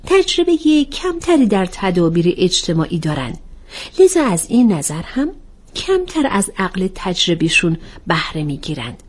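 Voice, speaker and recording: A woman voicing a calm young woman who patiently explains things in a storybook reading. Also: on the low side, husky. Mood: explaining.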